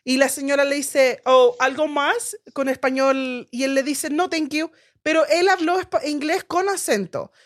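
High-voiced middle-aged woman telling a story. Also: normal speed, few pauses. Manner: storytelling, acts out the people she quotes. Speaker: podcast co-host. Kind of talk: casual family chat.

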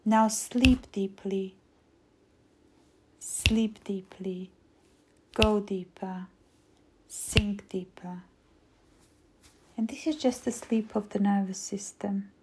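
A woman hypnotist guiding a hypnosis induction in a slow, soothing, repetitive voice, breathy and often trailing into a whisper. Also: medium pitch, steady tone, noisy background. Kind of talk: guided weight-loss hypnosis induction.

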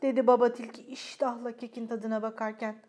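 Female children's storyteller, high bright voice, warm sing-song bedtime reading. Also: level tone, a little fast.

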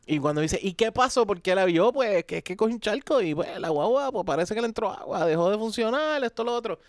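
A man with a Puerto Rican accent and a high, smooth voice rants on a podcast, acting out a frustrating phone call and swearing. The close mic is dry and clean. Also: brisk, no room sound. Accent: Puerto Rican Spanish. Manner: animated, swears, acts out both sides of a phone call. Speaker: podcast co-host. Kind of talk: casual chat.

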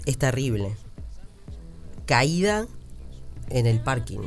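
A radio co-host, a woman with a low voice for her sex that swings widely as she dramatizes her story. Soft music runs behind the studio chat. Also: takes it slowly. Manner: expressive, dramatic anecdote telling. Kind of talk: casual studio banter.

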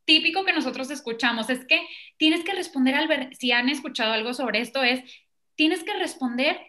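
A woman explaining child tantrums in an animated way, acting out children and parents in quoted voices. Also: sits high, normal speed. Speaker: parenting expert. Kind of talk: explanatory conversation.

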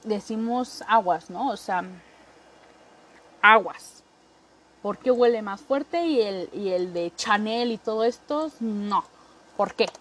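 A Mexican woman hosting a podcast, joking casually and acting out coworkers in quick impressions. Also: a little high, darkish tone. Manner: chatty, jokey, acts out coworkers in quick impressions. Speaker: podcast host. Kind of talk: casual comedic monologue.

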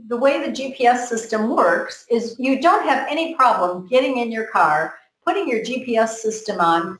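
Earnest American woman in echoey room. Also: medium pitch. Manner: earnest, repeats words while thinking. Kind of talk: motivational group chat. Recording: roomy echo.

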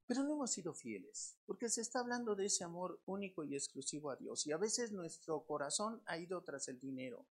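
A Mexican pastor preaching a sermon to his congregation in a conversational way, swinging between loud emphatic lines and quiet low asides, asking questions and repeating words. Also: very animated, a little fast, hardly any pauses, slightly rough. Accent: Mexican Spanish.

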